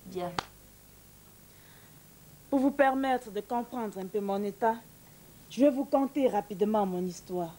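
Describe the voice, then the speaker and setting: A woman's voice: on the high side, moderate pace, warm tone, low-quality recording. A woman performing a comic monologue to the audience, dramatic and exasperated.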